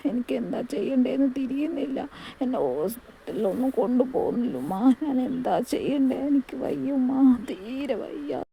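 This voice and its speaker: A woman's voice: high-pitched, lively intonation, normal speed, creaky, dark tone, a little hiss or hum. Woman playing a wailing young mother-to-be in labour. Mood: weak, pained. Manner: crying out, begging.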